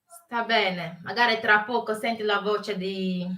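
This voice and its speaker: Slow, bright-voiced woman hosting a live chat. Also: medium pitch, fairly even intonation, echoey room, distant mic. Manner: halting, searches for words and restarts often; mixes English and Italian while greeting viewers. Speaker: live stream host. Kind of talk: casual live chat with viewers.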